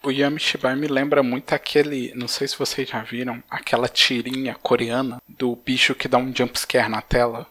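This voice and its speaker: A man in a relaxed podcast chat, talking casually with co-hosts. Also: medium pitch, normal speed, few pauses.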